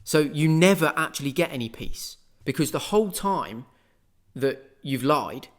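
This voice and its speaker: A man's voice: on the high side, animated, a little slow. A man, hosting a casual spoken monologue in a rambling, conversational way full of asides. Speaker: podcast host.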